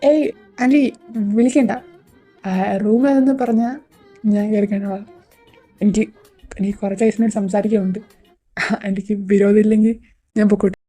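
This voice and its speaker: Woman voicing a pleading young male boss, husky and mellow. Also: medium pitch, fairly even intonation, fairly quick, long pauses, faint music behind, close to an everyday voice. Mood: polite. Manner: urgent, stammering, pleading. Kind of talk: amateur audio drama.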